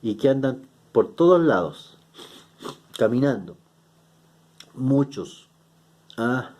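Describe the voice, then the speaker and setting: A Chilean man delivers a sermon at an unhurried, deliberate pace. His voice is dark and mellow, and he keeps checking in with a questioning "ah?" between earnest, repeated points. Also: medium pitch, big pitch swings. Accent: Chilean Spanish. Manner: slow and deliberate, many filler "eh"s. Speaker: pastor.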